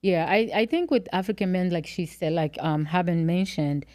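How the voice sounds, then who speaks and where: Woman, from Angola, low voice, thoughtful, casual chat, dry. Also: moderate pace, darkish tone, no room sound. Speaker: guest.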